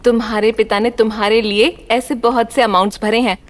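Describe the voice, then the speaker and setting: A woman's voice: fairly high pitch, level tone, brisk, close to an everyday voice. A woman dubbing a firm, scolding middle-aged mother. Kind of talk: Hindi film dub. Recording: dubbed film with music underneath.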